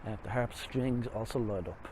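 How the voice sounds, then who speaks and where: A man's voice: lowish voice, normal speed. An Irish man giving a casual, rambling, self-deprecating walking tour commentary outdoors, speaking through a face mask. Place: outdoors on city streets by a river. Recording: noisy outdoor street, traffic ambience. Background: street and vehicle noise.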